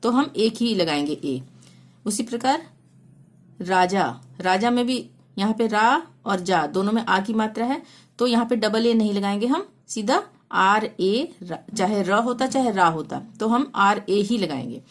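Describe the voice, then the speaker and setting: A woman's voice: medium pitch, lively intonation, a little slow. A woman teaching a lesson, patiently explaining spelling step by step and sounding out letters one at a time. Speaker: Hindi teacher.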